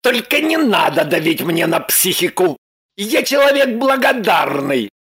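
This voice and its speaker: A demanding man on the run in an audiobook, as voiced by a male actor. His voice is husky and slightly high, and he talks in blunt, insistent orders. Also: very animated, unhurried, a bit bright, heavily acted. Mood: insistent, bossy. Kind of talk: audiobook character voice.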